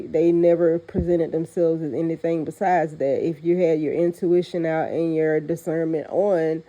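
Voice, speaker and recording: Her voice is on the low side and dark, the audio poor, as this female host delivers heartfelt, unscripted spiritual encouragement. Lingering congestion from being sick gives her a pinched, nasal sound.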